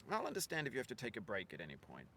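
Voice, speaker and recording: A man narrating a game in a calm, gentle, philosophical way, heard as game audio played back. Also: fairly low pitch, racing, exaggerated voice. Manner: gentle, philosophical, soft-spoken.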